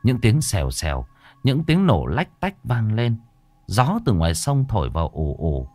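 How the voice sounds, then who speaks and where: A man narrating a ghost story in a measured, dramatic manner. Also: fairly low pitch, wildly swooping pitch, darkish tone, no room sound.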